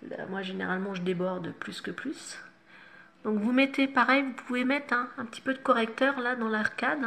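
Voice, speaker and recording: Bright-voiced woman giving a makeup tutorial. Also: a little high, normal speed, vocal fry. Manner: chatty and instructive, self-mocking asides. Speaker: makeup vlogger.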